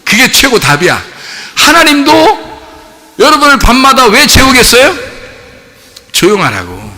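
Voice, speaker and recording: Male pastor, middle-aged, high, brilliant tone, jokey storytelling sermon, long hall reverb. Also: normal speed. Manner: animated, humorous storytelling with frequent laughs. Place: church sanctuary.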